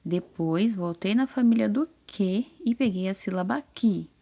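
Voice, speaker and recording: A Brazilian woman teacher giving a recorded reading lesson to young children. She sounds out syllables deliberately and keeps checking that the child is following. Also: mid-range voice, muffled recording. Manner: slow, deliberate, stretches out syllables and checks in often.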